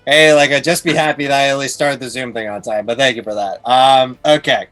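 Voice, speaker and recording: A man's voice: mid-range voice, steady tone, fairly quick, fairly bright tone, soft background music. Man, casual online show host, hesitant announcer over a video call. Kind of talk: hosting an online competition.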